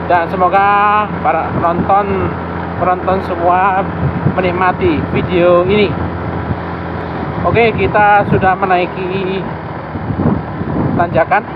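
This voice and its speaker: A man speaks in a high-pitched voice, muffled behind a face mask. He gives casual, piecemeal ride commentary outdoors on the road. The recording is dull and lo-fi, with very loud vehicle noise around him. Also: flat delivery, slow pace, long pauses. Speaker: travel vlogger.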